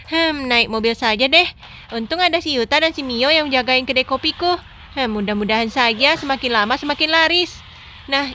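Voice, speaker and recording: A cheerful young woman who runs a coffee shop, voiced by a woman. Her voice is bright and high, and she chats to herself in upbeat game role-play. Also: slight background noise.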